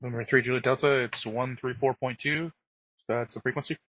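A man working as an air traffic controller, giving brisk, procedural instructions over the radio. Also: medium pitch, fairly even intonation, a bit bright, no room sound. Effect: radio transmission. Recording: muffled lo-fi radio audio.

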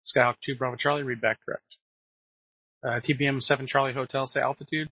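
Fast, sharp male air traffic controller. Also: medium pitch, little pitch movement, breathy edge, no echo. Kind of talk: procedural radio instructions. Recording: muffled dry aviation radio.

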